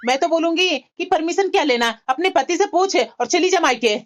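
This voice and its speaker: A woman's voice: very high-pitched, normal speed, soft background music. A woman voicing a coaxing cartoon elder sister-in-law. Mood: advising. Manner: advising, coaxing. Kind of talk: cartoon voice acting.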